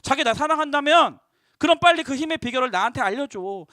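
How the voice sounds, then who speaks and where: A man's voice: extremely high pitch, lively intonation, fairly quick, sharp tone, no room sound, studio quality, exaggerated voice. A male pastor voicing a coy young woman who coaxes and pleads in a cute, whiny way. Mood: pouting.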